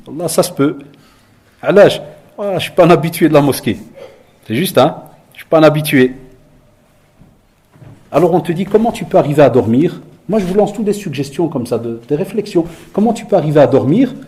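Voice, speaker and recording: Mellow-voiced man giving a storytelling sermon. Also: on the high side. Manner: lively storytelling, acting out dialogue in a hushed voice. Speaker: preacher and teacher.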